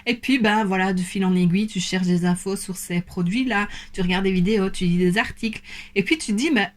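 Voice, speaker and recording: A woman's voice: medium pitch, fairly quick. A young woman from Belgium with a light Belgian French accent, answering viewer questions in a casual vlog with many hesitant fillers. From Belgium, Liège province. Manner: hesitant, many fillers, soft and self-conscious. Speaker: beauty YouTuber.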